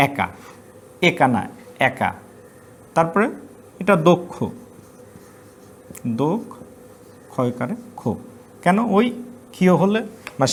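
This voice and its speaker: A man from Bangladesh gives an online college lesson on pronunciation, sounding each word out slowly and often twice. His voice sits a little high for a man. He poses questions to the class and answers them himself, over a faint hiss in the background.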